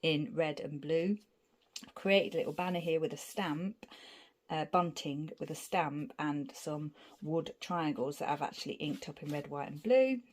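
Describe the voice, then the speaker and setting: A woman's voice: low voice, measured pace. A woman casually showing her scrapbook layouts, rambling from one piece to the next as she describes the materials. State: out of breath. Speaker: scrapbooking vlogger. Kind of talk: casual craft show-and-tell.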